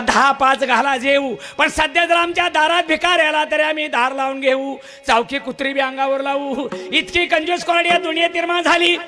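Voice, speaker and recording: A man delivers a comic folk sermon to a village crowd, loud and preachy. His voice is very high, bright and gravelly, with faint music behind him. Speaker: bharud folk performer.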